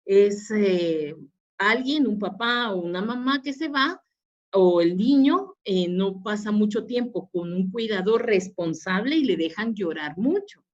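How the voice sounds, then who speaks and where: A woman's voice: medium pitch, lively intonation, a little slow. Woman lecturing in a webinar. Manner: explanatory, with frequent fillers and restarts. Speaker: psychologist. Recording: dull lo-fi webinar audio.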